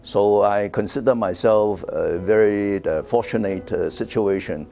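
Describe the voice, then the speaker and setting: Soft guitar music accompanies this older artist from Hong Kong as he discusses his work in an interview. His fairly low voice has vocal fry and a measured pace, and his Hong Kong English is halting, full of fillers and repeated words.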